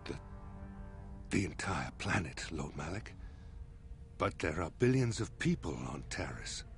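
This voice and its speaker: A stammering nervous admiral. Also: male voice, deep voice, big pitch swings, measured pace, soft background music, full character voice. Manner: hesitant, stammering. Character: nervous male fleet admiral under a tyrant.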